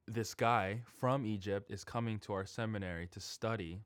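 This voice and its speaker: A man's voice: on the low side, steady tone, dry recording, studio quality. A man hosting a podcast, talking casually and joking easily with his guest. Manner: friendly, joking, quick laugh. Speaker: podcast host. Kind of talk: casual interview chat.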